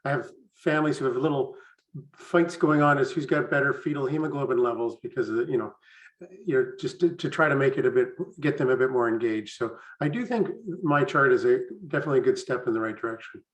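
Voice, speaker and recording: Fast-talking man clinician, echoey audio. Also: mid-range voice. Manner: quick, restarting phrasing. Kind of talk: panel discussion answer.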